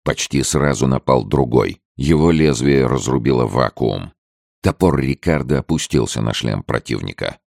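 A man narrating an adventure audiobook in a measured, steady storytelling manner, with a deep gravelly voice. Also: no echo, studio quality.

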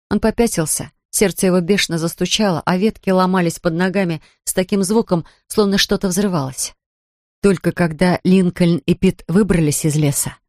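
Measured audiobook narrator, dry sound. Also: mid-range voice, darkish tone, no room sound. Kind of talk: scripted narration of a thriller.

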